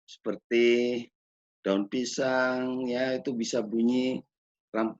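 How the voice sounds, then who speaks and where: A man gives a measured lecture on children's music education, pausing to ask rhetorical questions. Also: mid-range voice, little pitch movement. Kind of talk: recorded lecture. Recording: dull lo-fi recording.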